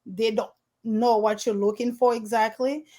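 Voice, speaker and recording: Earnest, higher-voiced woman from Haiti. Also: fairly even intonation, normal speed, mellow. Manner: earnest storytelling, slightly non-native phrasing. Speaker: interview guest, realtor. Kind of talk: conversational interview.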